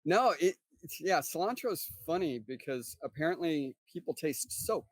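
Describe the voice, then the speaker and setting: A man from South Texas hosts a relaxed interview, asking questions and telling stories in a friendly, conversational manner. His voice sits a bit higher than most men's. It is recorded dry and close, with no room sound. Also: normal speed, no room sound. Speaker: podcast host. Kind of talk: casual interview chat.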